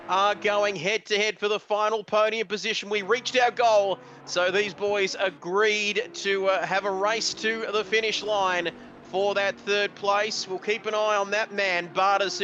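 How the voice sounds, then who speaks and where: A man calls a live sim race with a high, bright, sharp voice that keeps surging with excitement. His play-by-play flows quickly and wears its emotion openly, with a faint hiss of background noise under the mic. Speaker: race commentator. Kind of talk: live sim racing commentary.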